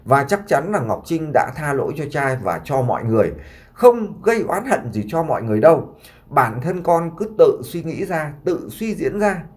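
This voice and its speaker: A man's voice: on the high side, big pitch swings, normal speed, a little mellow. A man voicing a grieving doctor father who imploringly consoles his sick son and takes the blame on himself.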